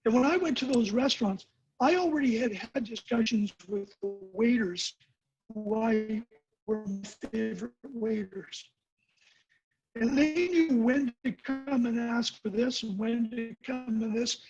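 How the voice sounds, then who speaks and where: A man's voice: very high-pitched, a little slow, lo-fi sound, music in the background. A man giving business advice over a remote call, his audio breaking up and cutting out, speaking emphatically and checking in with his listeners. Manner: emphatic, repeats words and checks in with "okay?". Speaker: business mentor.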